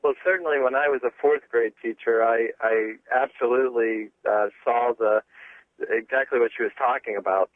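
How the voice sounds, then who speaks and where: A man co-host calling in, a former teacher speaking in a measured way with hesitant fillers. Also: medium pitch, dry recording. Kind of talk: phone-in comment. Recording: tinny phone line.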